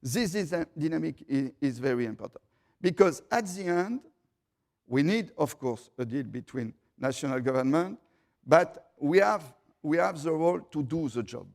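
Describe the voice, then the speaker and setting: Hesitant man with a gravelly voice. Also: a little high, expressive, moderate pace, a little mellow. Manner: hesitant, many fillers and repeated words. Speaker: conference panelist. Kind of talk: conference speech.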